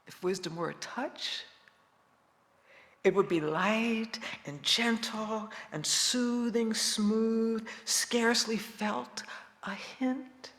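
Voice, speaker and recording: Speaking in a big, reverberant room, a woman in her 70s shares poetic thoughts with the congregation as a guest speaker and retired minister. Her voice is a little high; her manner is wise, gentle, and calm, paced by intentional pauses, and the hall's long echo trails each phrase.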